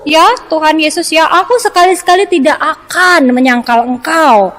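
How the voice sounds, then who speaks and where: A woman's voice: high voice, moderate pace, a bit bright. A woman voicing the disciple Peter, a frightened but boastful grown man, in a children's Bible story. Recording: roomy, long reverb.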